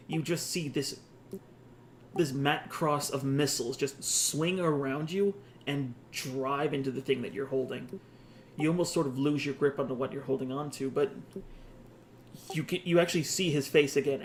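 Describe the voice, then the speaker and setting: A man's voice: mid-range voice, a little hiss or hum. A man running a tabletop game as game master, describing scenes in the second person with the odd laugh.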